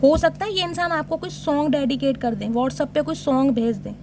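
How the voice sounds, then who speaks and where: A woman's voice: sits high, a little fast, noisy background. A woman giving a casual tarot reading, teasing and joking as she talks to her viewers. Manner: teasing, jokey commentary addressing viewers. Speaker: tarot reader.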